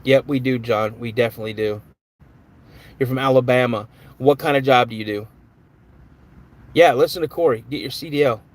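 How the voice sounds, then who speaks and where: A man's voice: medium pitch, moderate pace, long pauses. A man hosting a live stream in a casual, chatty way, greeting viewers by name and answering their comments.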